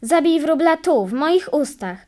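Lady doing a moaning cruel carter guy, drawn-out groans. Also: fairly high pitch, close to an everyday voice. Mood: furious. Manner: groaning laments. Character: wretched greedy male carter, cruel.

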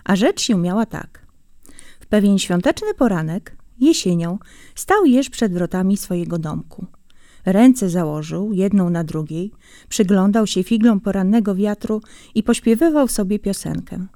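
An audiobook reader, a woman with a mid-range voice, reads a fairy tale aloud in a calm, measured storytelling style. The recording is dry and of studio quality.

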